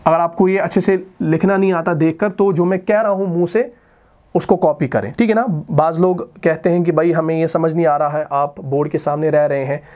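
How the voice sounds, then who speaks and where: A man teaching Arabic grammar at a board, asking his own questions and repeating key words slowly for his students. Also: on the high side, fairly even intonation, darkish tone. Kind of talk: recorded classroom lesson at a board.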